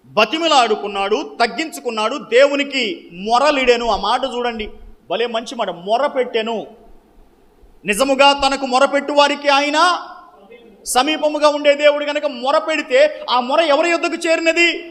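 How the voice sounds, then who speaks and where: High-voiced man teaching scripture, reverberant hall. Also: a little slow, long pauses, a bit bright. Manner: asks the listeners questions and answers them himself; repeats key phrases for emphasis. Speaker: preacher and Bible teacher. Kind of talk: question-and-answer Bible teaching. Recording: long reverb of a large hall.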